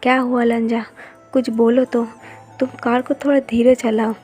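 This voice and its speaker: A woman voicing a young man in a love story who argues with his partner, read in a plain, even way. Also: fairly high pitch, moderate pace, husky, soft background music. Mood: worried. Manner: plain even reading of dialogue.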